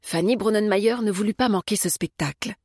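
A woman reading an audiobook as narrator, in a calm, measured way. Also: mid-range voice, breathy edge, no echo, studio quality. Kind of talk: scripted narration.

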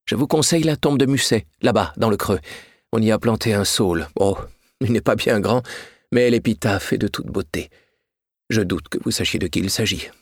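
Brief: haughty rich widow, scolding and condescending, voiced by a male reader, low dry voice. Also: moderate pace, no room sound. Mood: scornful. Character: haughty wealthy woman in mourning, imperious.

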